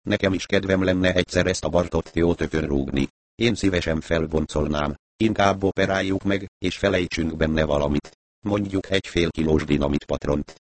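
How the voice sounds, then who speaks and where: A man's voice: low voice, no room sound, natural voice. A man putting on a sneering crude doctor. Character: grumpy, crude, mocking male doctor.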